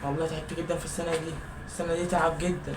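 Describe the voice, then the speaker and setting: A young man in his late teens with an Egyptian Arabic accent, a high school student doing a comic acted vlog monologue, fretful, pleading and full of exclamations. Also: flat delivery, rapid-fire. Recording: echoey room with loud background noise.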